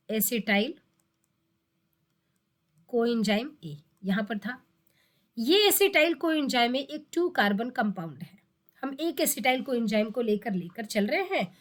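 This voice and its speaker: A woman explaining biology for an exam, repeating key terms and asking herself questions. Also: sits high. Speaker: biology teacher. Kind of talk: exam-prep lecture.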